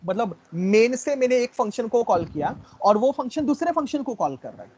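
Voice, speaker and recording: A man's voice: extremely high pitch, expressive, brisk, a little mellow, slight background noise. A man teaching a lecture class, explaining step by step, repeating key terms and promising to quiz his students later. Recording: dull lo-fi recording.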